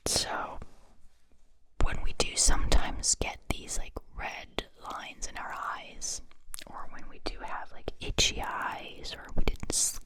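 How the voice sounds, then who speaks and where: A woman from Europe, speaking English as a second language, delivers ASMR entirely in a breathy whisper. She sits very close to the microphones and reads out material with chatty asides, often interrupting herself as she goes. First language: not English. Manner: chatty, rambling, self-interrupting. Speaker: ASMR host. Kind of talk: whispered ASMR, reading and commenting on facts. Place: small indoor room set up as a studio. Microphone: pair of close studio condenser microphones.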